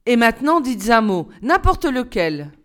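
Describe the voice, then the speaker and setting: A woman voicing a young, charming male doctor who talks in a smooth, coaxing way in a storybook reading. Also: on the high side, big pitch swings, unhurried, fairly bright tone.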